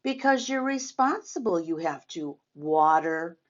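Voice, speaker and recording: An older woman with a lowish, animated voice reads a picture book aloud at a children's story time, speaking at a measured pace. She addresses her young listeners directly and explains things as she goes. The recording sounds muffled.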